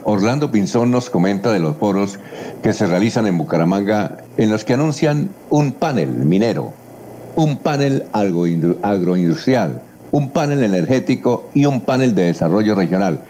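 Low, mellow radio host. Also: male voice, animated, moderate pace, slight background noise. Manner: reads listener questions. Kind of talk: radio show hosting.

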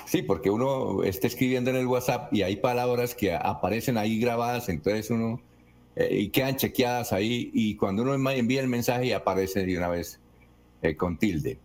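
A man hosting a morning radio show, reading out listener questions and chatting with his guest in a halting, conversational way. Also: on the low side, darkish tone. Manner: conversational, halting with restarts when asking. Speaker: radio host.

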